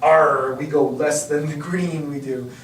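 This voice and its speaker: A man putting on a gruff pirate voice that growls about hunting for treasure, recorded with a roomy echo from a distant mic. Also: on the high side, steady tone, fast talker, a little hiss or hum, close to an everyday voice. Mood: hammy. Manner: growling "arr" and "we be" pirate talk.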